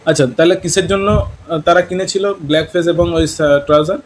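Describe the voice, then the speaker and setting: A man's voice: fairly high pitch, steady tone, fast talker, slight background noise, rough recording. A man teaching an English lesson in Bengali with a West Bengal accent, mixing in English words and questioning his students. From West Bengal, India.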